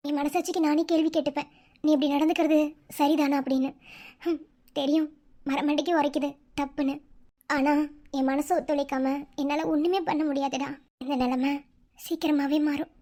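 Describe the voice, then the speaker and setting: Woman doing cartoon wife, madurai accent, real high, teasing. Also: little pitch movement, normal speed, dark tone, natural voice. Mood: tender. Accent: Madurai Tamil. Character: young pregnant wife, spirited and teasing.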